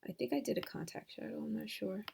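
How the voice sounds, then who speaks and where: A woman giving a casual software tutorial, thinking aloud with hesitant fillers and dropping to soft mutters as she works. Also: a little high, fast, gravelly, a little hiss or hum. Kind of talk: screen-recorded tutorial.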